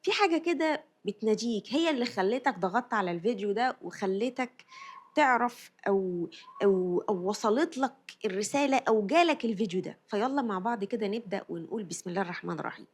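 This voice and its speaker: An Egyptian woman gives a tarot reading in a husky, slightly breathy voice. She talks quickly and coaxingly, circling back over her own phrases and at times dropping into a hushed whisper. Her pitch sits in a middle range. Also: animated. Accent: Egyptian Arabic. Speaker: tarot reader. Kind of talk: spiritual tarot reading to viewers.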